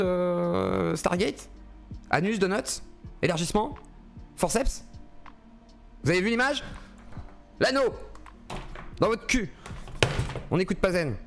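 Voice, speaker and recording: A man live-streaming, reacting to a video with an indignant, crude rant and mocking put-on voices. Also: fairly high pitch. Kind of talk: ranting live-stream commentary.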